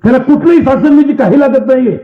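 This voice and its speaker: High-pitched man preaching in an echoey hall. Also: rapid-fire. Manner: emphatic, preaching with rising and falling intensity. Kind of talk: devotional sermon. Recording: roomy, dull low-fidelity sound.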